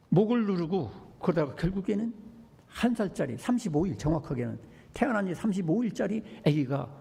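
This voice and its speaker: Older male pastor, sermon storytelling; fairly high, warm tone, big pitch swings. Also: gravelly, in a large hall. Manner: storytelling with swings between hushed and emphatic. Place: church.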